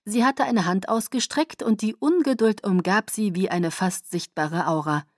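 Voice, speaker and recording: Woman audiobook narrator, mid-pitch, close and dry, measured first-person telling. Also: no echo.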